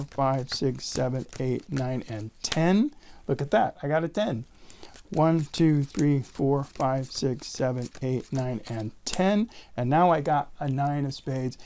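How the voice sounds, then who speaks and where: A man's voice: medium pitch, a little mellow. A man talking in casual card magician patter, explaining and counting aloud step by step like a tutorial presenter.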